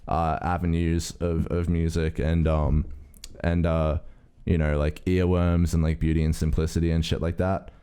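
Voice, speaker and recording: A man's voice: extremely low pitch, flat delivery, moderate pace, dark tone, smooth. A tired man rambling in a casual interview, full of fillers, restarts and swearing. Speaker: band member. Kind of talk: casual chat.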